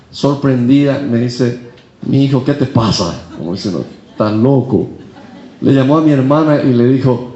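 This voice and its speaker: A man's voice: a little high, a little mellow. A middle-aged man preaching a sermon with personal testimony, telling stories with humor and acting out the voices of people he quotes. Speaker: preacher at a charismatic renewal gathering. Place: large hall at a national gathering. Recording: echoey hall, dull sound.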